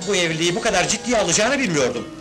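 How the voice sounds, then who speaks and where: An actor playing a reluctant new husband who speaks in a hesitant, prim way in an old film. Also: male voice, high voice, very animated, very fast. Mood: flustered. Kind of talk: 1970s film dialogue. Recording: old film soundtrack with music behind.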